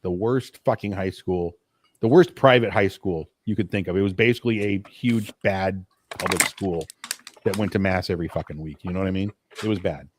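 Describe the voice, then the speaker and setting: Low-voiced blunt storytelling man. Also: a little fast, a little hiss or hum. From Portland, Oregon. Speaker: podcast co-host. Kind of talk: casual late-night chat.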